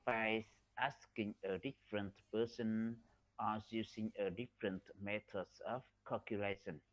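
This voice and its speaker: A man's voice: fairly low pitch, steady tone, measured pace. A Vietnamese man with a Vietnamese accent, a student in an online English lesson, speaking hesitantly and restarting words.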